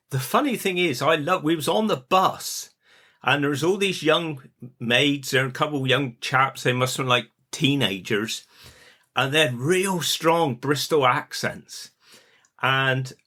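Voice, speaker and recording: A man's voice: a little high, pushed and bright. A Cornish man hosting his podcast, telling a rambling casual story in dialect while feeling under the weather. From Cornwall. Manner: chatty, rambling, with dialect words. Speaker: podcast host, funeral director.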